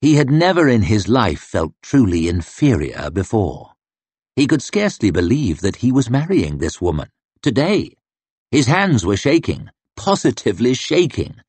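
A man narrating a fantasy novel in a measured, expressive storytelling manner. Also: fairly low pitch, breathy edge, no room sound. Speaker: audiobook narrator. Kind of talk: scripted narration.

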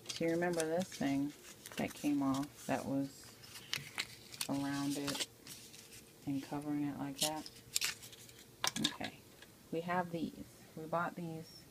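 In her home kitchen at the stove, an amateur how-to video maker gives a casual step-by-step tutorial, often checking in with the viewer. Her voice sits low with fairly even intonation, and she goes slowly with frequent pauses. She records on a handheld phone behind the camera, and background noise is heavy.

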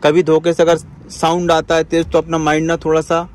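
High-voiced male driving instructor. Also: completely flat delivery, a little fast. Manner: instructive, repeats commands, tags lines with "ठीक है". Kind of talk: in-car driving lesson. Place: inside a car on the road.

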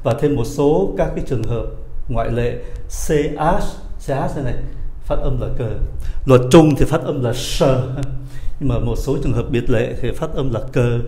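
A man teaching a pronunciation lesson, stretching out model words slowly between quicker explanations. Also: mid-range voice, warm tone, reverberant. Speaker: French teacher.

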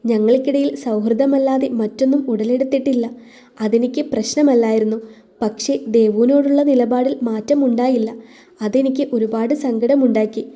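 A woman storyteller reading a first-person audio story aloud in a calm, even way. Her voice is very warm and mellow and sits slightly high.

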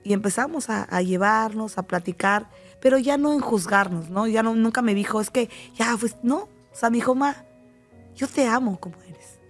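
A middle-aged woman with a Mexican accent, talking as a guest on a talk show and telling personal stories with lively, acted-out quotes. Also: fairly high pitch, normal speed, faint music behind. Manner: animated storytelling, acting out quoted voices. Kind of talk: casual talk show conversation.

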